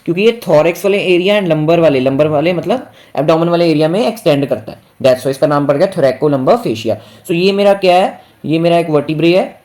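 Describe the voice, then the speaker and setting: A man's voice: a little high, expressive, normal speed, darkish tone. Hinglish-speaking male anatomy teacher. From India. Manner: asks the class questions over and over, stretches key terms. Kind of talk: Hindi-English lecture.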